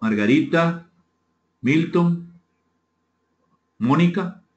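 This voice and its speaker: A Costa Rican man with a slightly high, expressive voice and drawn-out words leads a webinar from an indoor room, speaking with a Costa Rican accent. Reading out and replying to chat comments, he courteously invites people to take part and repeats phrases. The recording has room echo and a muffled, dull quality.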